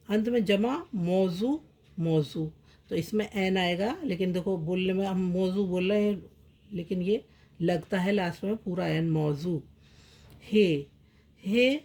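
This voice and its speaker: A woman teaches script in an unhurried lesson. Her voice sits at a middle pitch, and she goes very slowly. She repeats every example word two or three times while she writes. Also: a little mellow. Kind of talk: slow step-by-step language lesson.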